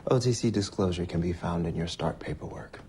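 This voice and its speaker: An actor playing a smooth, unsettling corporate manager who speaks in a calm, measured, formal way. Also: male voice, deep voice, slight background noise, lightly acted. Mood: coolly formal. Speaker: company manager.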